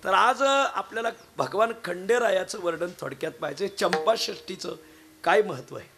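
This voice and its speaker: A man giving a devotional kirtan sermon at a village gathering. He is hoarse after preaching three times the day before, and he talks in a folksy, joking way, turning to the audience as he goes. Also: high-pitched, normal speed, over music. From Maharashtra. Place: village gathering with harmonium and mridang accompaniment.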